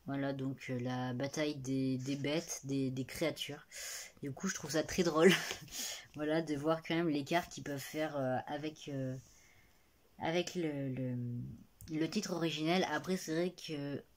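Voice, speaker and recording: Young woman, low voice, casual rambling book-vlog chat, filming herself up close. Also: fairly even intonation, measured pace. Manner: rambling, many fillers and restarts, laughs often. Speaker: booktuber.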